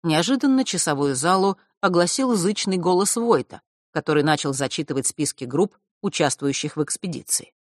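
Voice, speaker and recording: Measured woman narrating a story. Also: lowish voice, animated, dry recording, studio quality. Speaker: audiobook narrator. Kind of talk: scripted narration.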